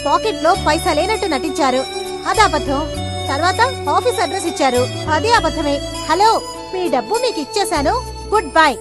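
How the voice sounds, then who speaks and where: An actress playing a proud young woman who answers in a crisp, curt way. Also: very high-pitched, lively intonation, fairly quick, over loud music. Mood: indignant.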